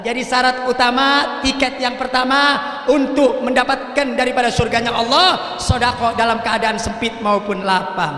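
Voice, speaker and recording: A man preaching, his voice unusually high and bright. He swings into shouted bursts and teasing questions aimed at the women in the crowd. The sermon rings through a long, echoey hall. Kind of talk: lively sermon to a congregation.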